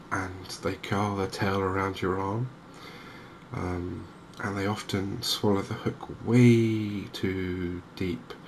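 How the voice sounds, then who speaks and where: Here a man hosts a gaming video with hushed, relaxed ASMR-style commentary on the game. There's little movement in his low, even delivery. He stops now and then to talk to the viewer, with distinct ambient sound underneath.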